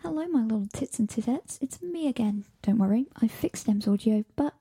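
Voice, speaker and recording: A woman records a rambling, self-mocking podcast message on a tinny, lo-fi mic. Her voice is gravelly, very dark and husky, and she trails off into murmurs. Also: on the high side, expressive, fairly quick, faint music behind. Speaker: podcast co-host. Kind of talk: casual intro message.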